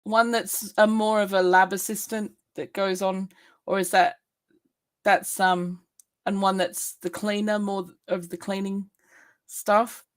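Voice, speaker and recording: A woman's voice: medium pitch, little pitch movement, measured pace. A woman hosting a casual live stream, chatting in a rambling way, laughing often and answering viewer comments.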